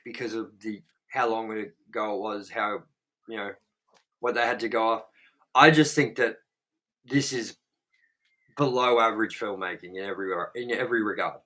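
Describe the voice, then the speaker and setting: On a rough recording, this young co-host of a movie review show speaks in a mid-range voice. His talk is blunt, casual, and animated, loaded with profanity.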